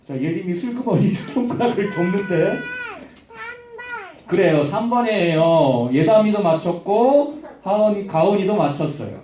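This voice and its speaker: A man gives a Sunday-school sermon, storytelling with a widely swinging, animated voice and calling on children by name. His tone is mellow and soft-edged. The sound rings around a roomy church hall, picked up from some way off. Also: high voice, measured pace, recorded from a distance. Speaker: children's pastor.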